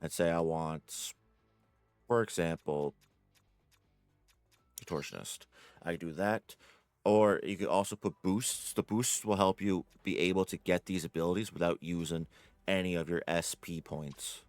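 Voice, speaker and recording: A deep-voiced man talks through a casual game tutorial in a dry, close-sounding room. He rambles, corrects himself and leans on "like" and "uh". Faint music plays behind him. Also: fairly even intonation, unhurried, pauses often, no echo. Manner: rambling, self-correcting, says "like" and "uh" often. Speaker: gaming guide creator. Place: home room.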